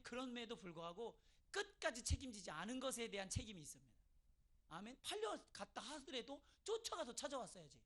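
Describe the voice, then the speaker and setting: A pastor preaching an evening sermon in a church, in a lively conversational style with frequent calls of amen. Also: male voice, sits high. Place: church sanctuary.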